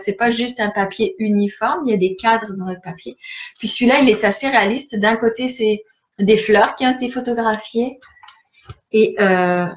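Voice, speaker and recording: Woman, chatty, hesitant with fillers, mid pitch, slightly dull recording. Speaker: stamping-supplies demonstrator. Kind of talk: casual catalogue walkthrough for viewers.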